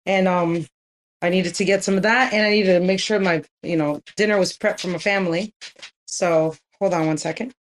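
Low-pitched woman chatting casually. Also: fairly even intonation, moderate pace. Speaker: community member speaking as guest. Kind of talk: casual chat.

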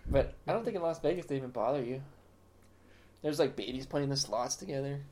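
A man co-hosting a podcast in casual chat, asking quick questions and adding teasing asides. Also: mid-range voice, expressive, darkish tone. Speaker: podcast co-host.

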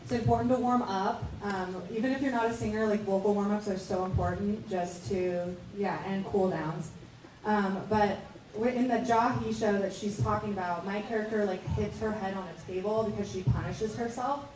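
A woman's voice: mid-range voice, steady tone, normal speed. A woman voice actor speaking on a convention panel, chatty and full of "like" fillers. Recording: echoey hall, far from mic, noisy.

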